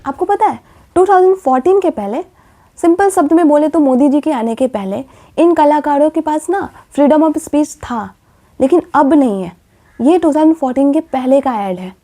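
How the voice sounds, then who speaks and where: Woman vlogger, high mellow voice, impassioned talk and rhetorical questions. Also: moderate pace. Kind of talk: earnest commentary vlog.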